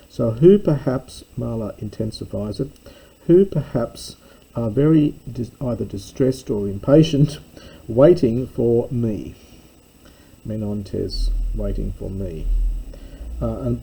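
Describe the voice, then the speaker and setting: A man reading an ancient Greek text aloud and translating it line by line, in a careful, halting way with many pauses and fillers. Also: fairly low pitch, gravelly, dark tone, breathy edge, poor audio. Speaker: classics teacher.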